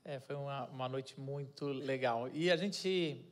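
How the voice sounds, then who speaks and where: A man's voice: medium pitch, measured pace. A man preaching a casual sermon, joking and correcting himself as he goes. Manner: chatty, jokey, self-correcting. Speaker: pastor.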